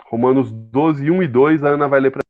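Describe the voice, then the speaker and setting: A man teaching a Bible class in a calm, explanatory way. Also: medium pitch, moderate pace, phone-quality sound.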